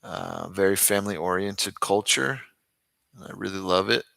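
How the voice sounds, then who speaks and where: An American boxing club trainer hosts a casual livestream, talking informally and directly to his viewers. His low voice is unhurried and creaky with a sharp edge, recorded without echo.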